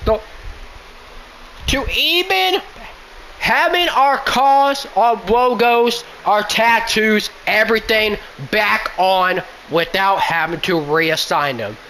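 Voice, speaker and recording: A man's voice: high-pitched, slow, pushed and bright, a little hiss or hum, poor audio. A man complaining at length about a buggy video game, exasperated and repeating himself as he pleads for fixes. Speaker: gaming YouTuber. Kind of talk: frustrated game rant.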